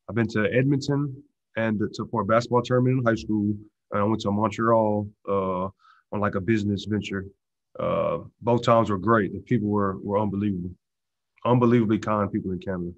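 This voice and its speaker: A young man answering press questions in a relaxed way, full of "you know" fillers. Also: on the low side, a little fast, dry recording. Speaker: football player answering press. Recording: dull lo-fi video call audio.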